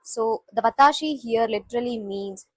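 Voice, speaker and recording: Teaching beginner Japanese, a woman from India goes over each phrase again and again, explaining the words slowly and frequently starting over with "so." Her voice sits on the high side and sounds husky.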